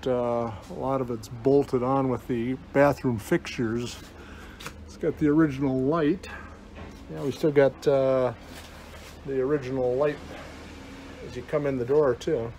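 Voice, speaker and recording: Mellow man talking through a face mask. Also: mid-range voice, fairly even intonation, normal speed, hardly any pauses. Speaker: vlogger giving a walk-through. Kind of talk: casual unscripted walk-through narration. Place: inside an old bus at a scrapyard. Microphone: handheld phone. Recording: noisy handheld phone recording, vehicle ambience.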